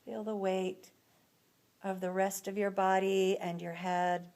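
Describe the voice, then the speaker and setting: A woman guides a relaxation session as an instructor, her pace soothing and unhurried, with long pauses between phrases. Her mid-range voice has a darkish tone and a flat delivery.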